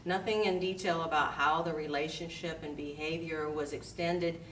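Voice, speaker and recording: Brief: fifties woman, parent, earnest and reflective; low voice, picked up from a distance. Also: steady tone, normal speed, fairly bright tone. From Washington State. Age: 50s. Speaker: interviewee, parent. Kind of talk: candid family interview. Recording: roomy, distant mic with faint hiss.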